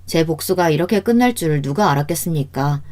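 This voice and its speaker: Brief: female storyteller, scripted first-person narration, steady and even. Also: low voice, fairly quick.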